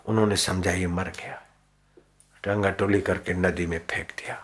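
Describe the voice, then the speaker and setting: A man's voice: deep voice, little pitch movement, moderate pace, a bit bright. A man preaching at a devotional gathering, telling a story dramatically and acting out its voices.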